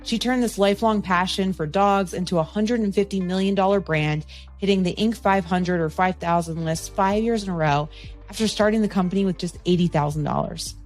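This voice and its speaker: A woman hosting a business podcast, reading scripted intros and asking quick, upbeat follow-up questions. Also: mid-range voice, darkish tone, faint music behind. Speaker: podcast host. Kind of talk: reading ad copy and interviewing.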